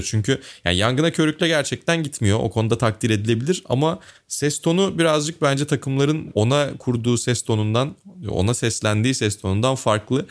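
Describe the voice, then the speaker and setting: A man co-hosting a casual talk show, giving opinions at length and thinking aloud with fillers. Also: mid-range voice. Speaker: podcast co-host. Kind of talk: casual conversational commentary.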